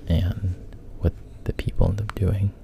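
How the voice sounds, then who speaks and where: A low-voiced man with little pitch movement casually retells a story, his gravelly, breathy voice hushed and halting and often slipping into a whisper.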